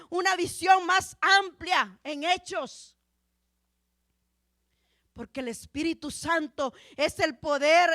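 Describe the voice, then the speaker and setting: A woman preaching a fervent sermon in church. She calls out "hermanos" and "aleluya" again and again and rises to shouts on the key points. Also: extremely high pitch, no echo, studio quality. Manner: fervent, drawn-out delivery, peppered with "hermanos" and "aleluya".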